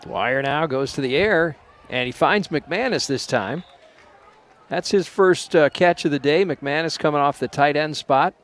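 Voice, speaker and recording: A man calling a college football game play by play in a relaxed, unpolished way, sometimes unsure of player names. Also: on the high side, a little slow. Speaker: play-by-play announcer. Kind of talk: local college football commentary.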